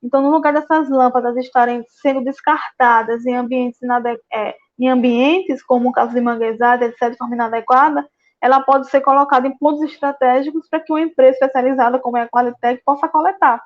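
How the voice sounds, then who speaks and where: A woman talks her audience through a slide presentation, her voice pitched high. She leans on constant fillers and starts phrases over again as she goes. The recording sounds dull and muffled. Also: steady tone. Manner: frequent "né" and "é" fillers, halting restarts. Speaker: guest speaker on waste management. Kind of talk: slide presentation at a public event.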